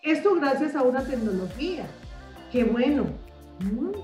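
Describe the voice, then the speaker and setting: Enthusiastic woman in her fifties, high voice. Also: lively intonation, unhurried, mellow, reverberant, distant mic, soft background music, rough recording. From Colombia. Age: 50s. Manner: enthusiastic, repeats words while searching for them. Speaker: guest, communicator and author. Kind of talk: radio interview conversation.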